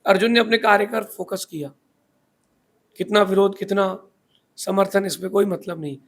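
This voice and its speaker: A man's voice: high-pitched, fairly even intonation, normal speed, creaky. A man giving a sermon in a preachy storytelling manner, asking rhetorical questions as a spiritual teacher.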